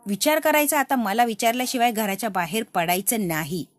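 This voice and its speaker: Woman doing a snooty mean rich lady, taunting, highish voice. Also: lively intonation, fairly quick, dry recording, lightly acted. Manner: mocking, taunting. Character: haughty, spiteful rich woman.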